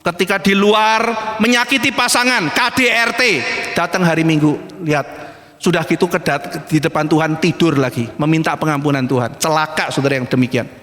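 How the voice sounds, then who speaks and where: A man's voice: a little high, steady tone, brisk, a bit bright. A male pastor preaching a sermon with emphasis, often addressing the congregation and acting out quoted voices. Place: large church hall. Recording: hall reverb of a church service recording.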